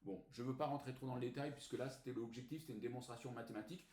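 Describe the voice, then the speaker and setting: A man explains a formula in a recorded lesson, working methodically and filling his pauses with hesitant sounds. His voice sits at an ordinary middle pitch. The room echoes around him, with a faint hiss of noise behind. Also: steady tone, a little mellow. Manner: methodical, frequent hesitant fillers. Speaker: finance teacher.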